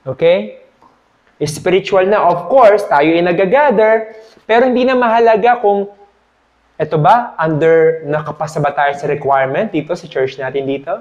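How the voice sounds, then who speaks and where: A man's voice: high-pitched, moderate pace, a little mellow, dull audio. Filipino man teaching a Bible lesson. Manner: mixes Tagalog and English, asks "okay?" often. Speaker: church teacher. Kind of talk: sermon-style Bible lesson. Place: small church meeting room, indoors. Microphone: handheld mic.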